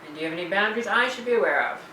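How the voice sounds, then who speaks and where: A man's voice: high-pitched, animated, racing, sharp tone, distant mic, a little hiss or hum, full character voice. An actor playing a sarcastic young man who teases with dry, mocking wit. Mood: teasing. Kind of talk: comedy web series acting. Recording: roomy echo, heard from off the mic.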